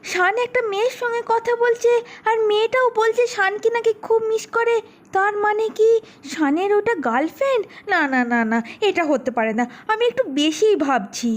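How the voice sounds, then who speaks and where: A woman voicing a worried, soft-hearted young woman doll in a cartoon story. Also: very high-pitched, expressive, moderate pace. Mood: anxious. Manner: anxious, fretting aloud.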